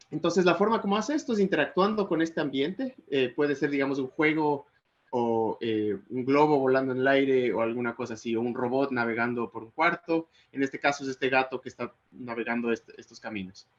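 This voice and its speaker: A man's voice: mid-range voice, moderate pace, dull audio. A man from Ecuador giving an online technical lecture, hesitating often with fillers and restarts.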